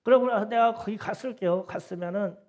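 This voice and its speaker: A middle-aged male pastor giving a storytelling Sunday sermon in a church, folksy and emphatic, dropping to soft asides and rising to loud insistence. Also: high voice, brisk. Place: church sanctuary.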